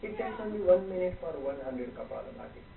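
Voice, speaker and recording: A man's voice: high voice, expressive, quick pace, a crowd in the background. A man giving a yoga breathing demonstration in terse, clipped instructional phrases. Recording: distant, echoey, noisy phone-like playback.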